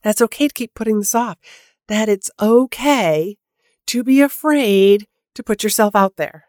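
A woman hosts a solo podcast in a casual, chatty way, with many fillers and restarts and a slightly nasal sound from a head cold. Her voice is medium-pitched, a little slow and darkish. The recording is clean studio sound with no room sound.

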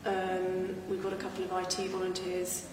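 A woman's voice: fairly low pitch, normal speed. An English woman who is a guest on a podcast, talking about her charity work in a plain, agreeable way. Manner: plain, even-toned, agreeable. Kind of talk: casual chat interview. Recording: echoey room with noise, far from the mic.

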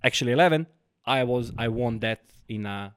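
A man tells his story as an interview guest. His voice sits at a middle pitch for a man. He talks in an animated way, acts out his own past lines and leans on fillers like "you know.". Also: brisk, clear, resonant tone. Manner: animated, quotes himself often, frequent fillers. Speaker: guest entrepreneur.

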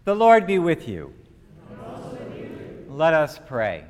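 A man leading worship, intoning liturgical prayers in a slow, measured, solemn way. His voice carries a cathedral echo from a large church. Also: on the high side, wildly swooping pitch, music in the background. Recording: long reverb of a large church.

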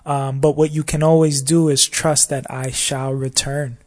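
A man's voice: a little high, flat delivery, a little slow. A man with a slightly scratchy voice hosting a casual solo podcast, talking in a rambling, reflective way and often asking "you know what I mean?". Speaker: podcast host.

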